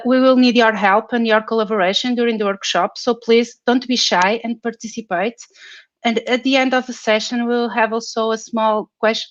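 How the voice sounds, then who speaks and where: A woman's voice: on the high side, no room sound, dull audio. A woman introducing an online workshop as its moderator. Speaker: session moderator.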